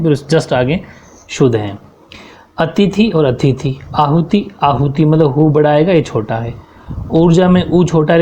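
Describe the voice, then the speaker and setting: Guy teaching grammar, goes word by word, keeps saying ok, mellow dull lo-fi sound. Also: a little high. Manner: explains step by step, often checks in with "ठीक है". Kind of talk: grammar lesson.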